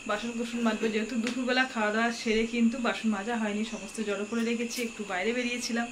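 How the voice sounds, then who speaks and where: A woman in her thirties vlogging from her home kitchen, keeping her voice low as she chats to viewers. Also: flat delivery, quick pace, background noise. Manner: hushed, keeps her voice low. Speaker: family vlogger. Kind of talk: casual home vlog chat. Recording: crickets chirping behind.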